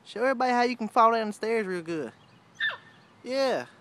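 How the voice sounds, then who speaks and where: A man's voice: very high voice, animated, fairly quick, a bit bright, a little hiss or hum. A man baby-talking to his dogs in a backyard, repeating playful phrases in a singsong way. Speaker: dog owner. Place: backyard outdoors. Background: birds and outdoor ambience.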